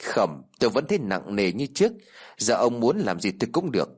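A man voicing the remorseful ghost of an orphan boy who speaks flatly and without fear. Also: lowish voice, a little fast, breathy edge. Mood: somber. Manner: flat, unafraid, heavy-hearted.

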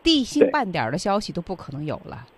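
A woman co-hosting a radio English lesson in a casual, chatty way. She restates each point in plain terms and asks questions back. Her pitch moves around a lot. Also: wildly swooping pitch, fast. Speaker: co-host.

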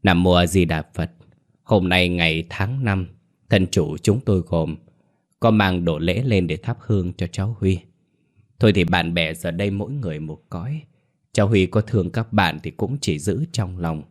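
A man voicing an older village man chanting a slow, solemn prayer at an altar in a storytelling reading. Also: sits low.

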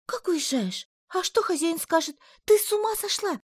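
A woman putting on a shrill, chattering young market girl. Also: brisk, no room sound, studio quality. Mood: agitated. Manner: excited high-pitched chatter.

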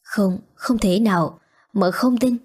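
A woman's voice: mid-range voice, slow pace, darkish tone, husky. A woman voicing a grieving young wife who confronts those who let her mother die. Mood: disbelieving. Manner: pleading, then accusing. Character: young wife, grief-stricken and furious.

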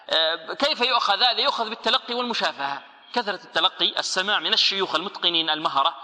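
A man teaching tajweed, posing rhetorical questions and answering them himself, and slowing into chanted recitation for examples. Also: sits high, pushed and bright, long reverb tail. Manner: explains by asking rhetorical questions, then answering.

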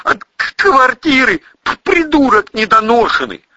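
A man doing a shrill, stuttering nervous young man. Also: big pitch swings, a little slow, pushed and bright, no echo, muffled recording, exaggerated voice. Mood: outraged. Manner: stutters heavily, shrill outbursts. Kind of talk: audiobook character voice.

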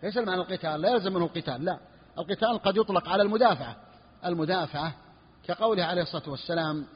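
A man's voice: high voice, racing, husky, in a large hall, dull audio. A man, a sheikh, teaching a religious law lesson, explaining a text and repeating his key phrases for emphasis. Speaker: sheikh teaching a fiqh book.

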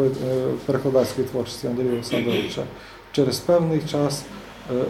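A man's voice: mid-range voice, mellow, a little hiss or hum. A man giving an academic seminar lecture, hesitant, with many filler sounds and restarts. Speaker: seminar speaker. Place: seminar room. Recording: echoey room.

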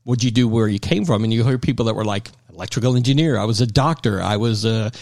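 A man's voice: lowish voice, fast, gravelly, a little mellow, dry recording, clean studio sound. A man hosting a casual conversational interview, chatty and self-deprecating, telling stories from his own life. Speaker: podcast host.

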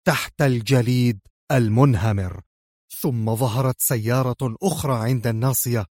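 A man narrating a spy thriller audiobook in a steady, tense storytelling manner. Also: mid-range voice, no echo, studio quality.

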